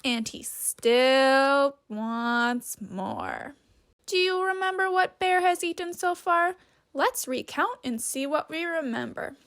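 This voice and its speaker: A woman reads a storybook aloud like a teacher, deliberate and instructive, pausing to pose questions. Her voice is high-pitched, expressive and a bit bright.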